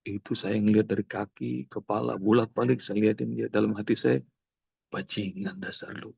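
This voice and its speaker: Gravelly-voiced man telling a sermon story. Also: on the low side, brisk, no echo, dull audio. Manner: animated storytelling, acting out dialogue. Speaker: preacher.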